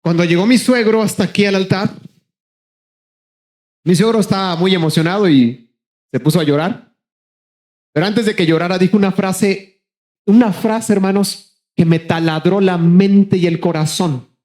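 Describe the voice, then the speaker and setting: A man preaching a sermon as pastor, passionately calling to his congregation, rushing ahead in quick bursts and then slowing down hard for emphasis. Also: high voice, a little mellow. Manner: impassioned, repeatedly addressing the congregation as brothers; shifts between rapid bursts and slow, drawn-out emphasis.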